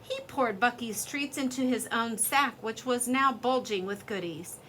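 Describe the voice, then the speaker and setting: A woman reading a children's story aloud in an expressive, lively storytelling way. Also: on the high side, unhurried, slight background noise.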